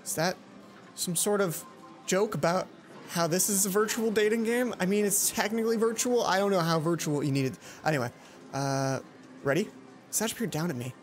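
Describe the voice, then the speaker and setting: A woman with a somewhat low voice hosts a let's play at a moderate pace, reading a visual novel aloud and adding chatty, playful remarks. Music plays behind her.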